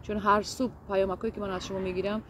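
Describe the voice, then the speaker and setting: A woman's voice: mid-range voice, level tone, a bit bright, a little hiss or hum. A woman, a guest in a casual interview, talking earnestly and hesitantly with many fillers and restarts.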